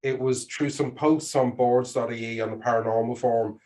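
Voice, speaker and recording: A man's voice: mid-range voice, fairly even intonation, moderate pace, darkish tone. Middle-aged Dublin man, chatting informally. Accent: Dublin Irish. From Dublin, Ireland. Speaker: interview guest, storyteller. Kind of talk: casual conversational interview.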